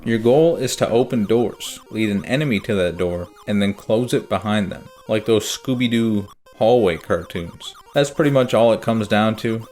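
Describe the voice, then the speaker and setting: A man narrating a comedic video game review in a deadpan, sarcastic manner. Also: lowish voice, normal speed, few pauses, soft background music.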